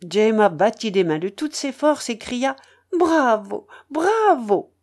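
A woman reading a classic novel aloud as narrator, with expressive, dramatic storytelling. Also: medium pitch, normal speed. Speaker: audiobook narrator.

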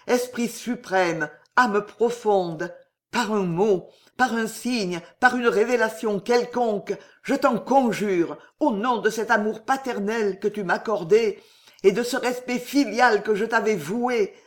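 A man's voice: sits high, voice pushed up. A man voicing a wealthy, mysterious count in a storybook reading, commanding and fervent. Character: wealthy, mysterious male count, intense and generous.

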